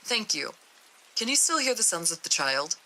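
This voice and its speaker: A woman's voice: mid-range voice, big pitch swings, normal speed, pushed and bright, exaggerated voice, rough recording. A woman voicing a formal interviewer who gives short, polite orders in a horror story reading. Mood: curt. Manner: curt, formal instructions.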